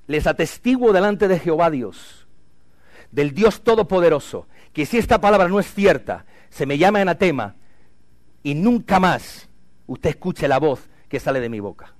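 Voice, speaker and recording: A pastor delivers a fiery sermon in a fairly high voice. He swings between ringing cries and near-whispered lines. The sound is close and dry, with no room echo. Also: expressive, moderate pace. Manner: impassioned preaching, swinging from loud cries to hushed lines.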